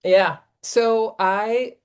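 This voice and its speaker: Slow-speaking woman from Czechoslovakia. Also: mid-range voice, steady tone, clear, resonant tone. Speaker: guest, executive coach and professor. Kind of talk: reflective interview talk.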